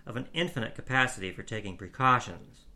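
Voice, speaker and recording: A man doing a dry, judicious gentleman. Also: medium pitch, expressive, fast talker. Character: calm, judicious gentleman on a park bench. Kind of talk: storybook reading.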